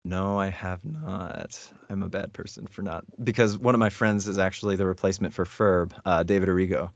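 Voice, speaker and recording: A man speaking as a voice actor guest in a relaxed, self-deprecating interview chat. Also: low voice, fairly quick, no echo. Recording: dull lo-fi dry sound.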